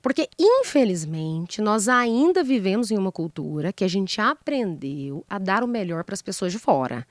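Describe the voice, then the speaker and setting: A woman psychologist, appearing as an interview guest, gives relationship advice in a didactic way, using rhetorical questions and acting out sample lines of dialogue. Her mid-range voice is very animated and moves at normal speed with few pauses. The sound is studio quality with no echo.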